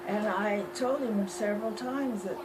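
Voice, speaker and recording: An elderly woman telling a story from her life as an informal reminiscence, halting, searching for words and repeating phrases. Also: mid-range voice. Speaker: grandmother telling life stories. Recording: loud background noise, amateur home recording.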